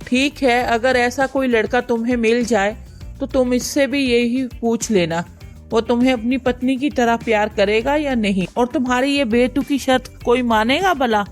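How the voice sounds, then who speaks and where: A woman voicing a middle-aged mother who has become a nagging mother-in-law, with a bossy, scolding manner in an animated storybook. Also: a little high, normal speed, natural voice. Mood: coaxing. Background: faint music.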